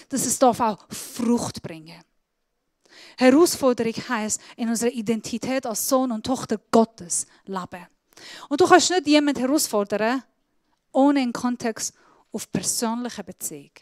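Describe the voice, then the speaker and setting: A woman pastor preaching a sermon in a lively, emphatic way, with casual slang and slightly broken grammar. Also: high-pitched, no echo.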